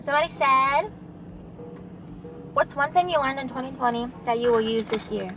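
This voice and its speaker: A woman's voice: high-pitched, normal speed, a bit bright, faint music behind. A young woman chatting casually with the camera while eating, chatty and loose, full of fillers. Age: young adult. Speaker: vlogger. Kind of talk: casual mukbang chat.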